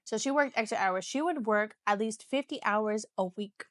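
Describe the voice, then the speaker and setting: Woman, podcast host, casual true-crime storytelling, chatty filler-heavy retelling, mid pitch, dry sound. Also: normal speed, a bit bright, dry recording. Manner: chatty, loose retelling with many "so" and "you know".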